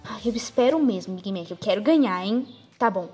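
A woman voicing a bossy, impatient female pony villain in a fan role-play over a game, talking low and hushed. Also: big pitch swings, a little fast, breathy edge, faint music behind, full character voice. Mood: scheming.

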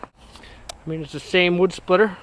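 A man outdoors in freezing weather, loudly and excitedly showing off a tool he built, with slangy, casual talk. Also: high-pitched, normal speed, a little hiss or hum. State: freezing cold. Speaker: vlogger demonstrating a tool.

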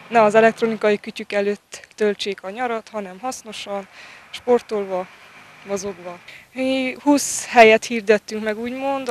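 A woman coach earnestly describing her sports camp, with hesitant fillers. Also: medium pitch. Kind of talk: news interview statement.

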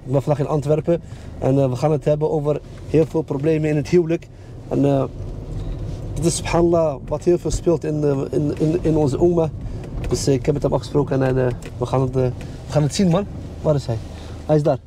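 A Moroccan Dutch man chats quickly and casually as an interviewer. His slightly raised voice carries street slang and Arabic interjections. Clear outdoor noise and traffic sit behind him. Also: fairly high pitch, steady tone, warm tone. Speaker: interviewer and show host. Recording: noisy outdoor recording with traffic.

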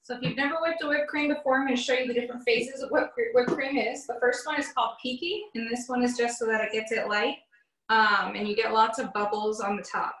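A woman's voice: a little high, fairly even intonation, fast, fairly bright tone. A young woman giving a casual cooking demonstration in a home kitchen, explaining each step in a chatty way with fillers. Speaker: cooking instructor. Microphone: camera across the counter. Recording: echoey kitchen, far from the mic.

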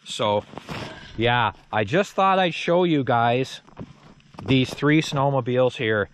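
Speaking slowly in a mid-range voice, a middle-aged channel host shows off snowmobiles in a snowy yard outdoors. His casual walkaround rambles, folksy and plain-spoken, with plenty of "you know" and "uh." Slight background noise can be heard.

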